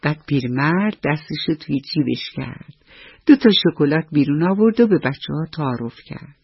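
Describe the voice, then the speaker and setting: A woman storyteller narrating a bedtime story for children on the radio, lively and addressing the kids directly. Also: deep voice, breathy edge, no room sound. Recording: dull lo-fi radio recording.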